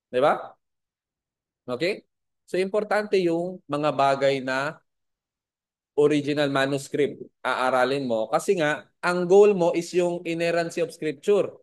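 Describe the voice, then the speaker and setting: A man's voice: a little high, measured pace. A man teaching a Bible school lesson to a class, spelling out words and asking his students questions.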